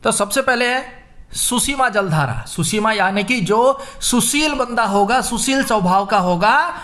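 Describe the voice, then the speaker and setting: A man's voice: high voice, lively intonation, unhurried, bright, forceful tone. A man teaching general knowledge mnemonics, playfully acting out short scenes in a sing-song way. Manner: playful, acts out crowd voices in a sing-song way. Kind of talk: exam mnemonic lesson.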